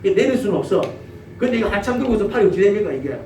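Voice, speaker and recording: A male pastor with a Gyeongsang accent preaching a sermon, telling the story lively and asking his congregation questions. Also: high-pitched, rapid-fire. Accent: Gyeongsang Korean. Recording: roomy church audio from a distance, faint noise.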